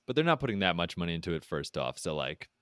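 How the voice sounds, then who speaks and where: A man's voice: sits low, fast talker, clean tone, no echo, studio quality. A man from Virginia co-hosting a podcast, chatting casually and rambling with lots of fillers. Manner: rambling, many fillers, animated. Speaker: podcast co-host. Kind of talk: casual chat.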